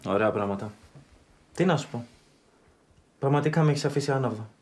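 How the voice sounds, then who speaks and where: A man's voice: medium pitch, darkish tone, lightly acted. Actor as a dumped young man, downcast and pleading, echoey room. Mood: dejected. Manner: dejected, pleading. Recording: roomy echo.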